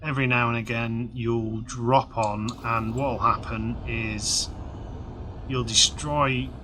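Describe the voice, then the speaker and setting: A man in his thirties, slightly hoarse, rambling casually with lots of fillers while commentating a video game. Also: medium pitch, fairly even intonation, slow pace, pushed and bright. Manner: rambling, chatty, many fillers and restarts. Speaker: game let's-play host.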